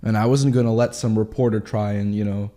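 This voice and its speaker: A man of twenty, telling his story in a candid interview in quick, animated bursts. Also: on the low side. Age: 20s. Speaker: guest.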